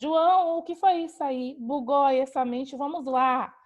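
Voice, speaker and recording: A woman's voice: high voice, moderate pace, muffled recording. A woman teaching an online class, calling on students by name and praising their answers. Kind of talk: online class on a video call.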